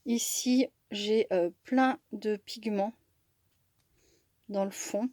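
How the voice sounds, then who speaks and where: Slow, hesitant woman showing craft supplies. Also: mid-range voice, steady tone, dark tone, no echo, studio quality. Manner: slow and hesitant, many fillers and restarts. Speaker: crafting vlogger. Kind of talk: casual product haul chat.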